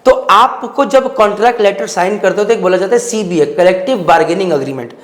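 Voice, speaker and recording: A man's voice: sits high, brisk. A male podcast host conducting a conversational interview, pressing his guest with follow-up questions and mixing English words into his speech. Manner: persistent, pushes with follow-up questions. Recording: roomy studio echo.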